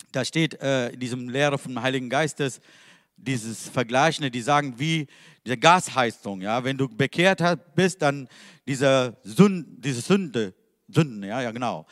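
A man's voice: mid-range voice, fairly bright tone, studio quality. Man preaching in a reverberant hall. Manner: emphatic, questioning the listeners directly. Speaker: pastor. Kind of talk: sermon.

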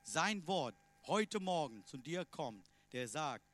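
A man preaching a sermon in non-native German phrasing, emphatic, swinging between loud declarations and quiet asides. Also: on the high side, sing-song, takes it slowly.

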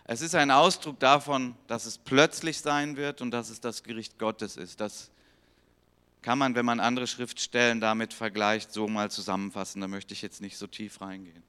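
A man preaching a sermon, swinging between loud, pleading appeals and quiet, grave passages, sometimes acting out quoted voices. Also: medium pitch, level tone, normal speed, smooth.

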